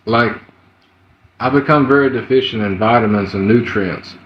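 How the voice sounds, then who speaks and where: A man's voice: mid-range voice, normal speed. A man with a Southern US accent, chatting casually as a livestream host in a rambling, folksy way. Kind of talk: casual livestream chat, greeting viewers. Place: indoor room at home. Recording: muffled, roomy, slightly noisy livestream audio.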